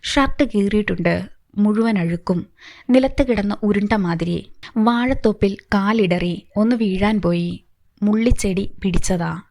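A woman's voice: mid-range voice, a little slow, a little mellow, close to an everyday voice. A woman reading the lines of an angry, evasive middle-aged husband in an audiobook. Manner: curt, scolding.

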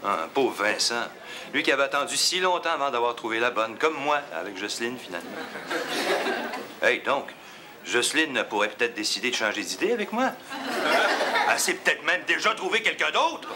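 An actor playing an insecure, melodramatic middle-aged man in love in a television sitcom, halting, with a Quebec French accent. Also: medium pitch, sing-song, lightly acted. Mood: worried. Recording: noisy studio, loud audience laughter.

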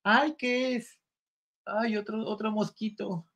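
A man's voice: high-pitched, steady tone, slow, a bit bright. A man hosting a casual gossip show, campy and exclamatory, reading viewer comments aloud. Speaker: show host.

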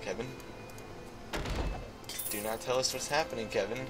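A man's voice: medium pitch, normal speed, music in the background. A man hosting a let's play, chatting casually with friends as he games. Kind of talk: casual gaming commentary with friends. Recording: clear game ambience behind voice.

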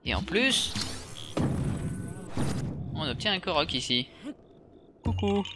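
A man's voice: on the high side, very animated, slow pace, background noise. A man with a French accent casually commenting on his video game as he plays, reacting aloud and talking to the enemies. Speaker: video game let's player. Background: game music.

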